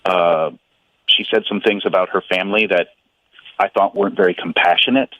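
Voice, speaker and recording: A man's voice: deep voice, steady tone, fairly quick. A man calling in to a radio show over the phone, hesitant and stammering, repeating his words. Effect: heard over a phone line. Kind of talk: on-air phone call. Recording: dull, muffled phone line.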